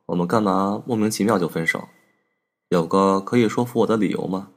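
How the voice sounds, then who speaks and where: A man voicing an anxious young man who pleads with his boyfriend in rapid, pressing questions. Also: deep voice. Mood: hurt. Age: young adult.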